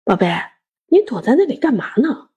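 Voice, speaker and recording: A woman's voice: high-pitched, sing-song, normal speed, warm tone, highs cut off, pitched above the performer's own voice. A woman voicing a father who speaks in a casual, offhand way. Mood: coaxing.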